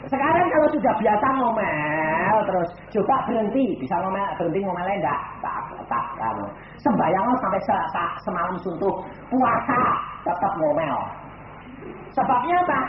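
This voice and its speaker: Older preacher, high animated voice, lo-fi phone-like sound with echo and hiss. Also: male voice. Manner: swings from low quiet asides to loud emphatic preaching. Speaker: evangelist preacher. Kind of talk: sermon with anecdotes. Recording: echoey, tinny phone-like, noisy recording.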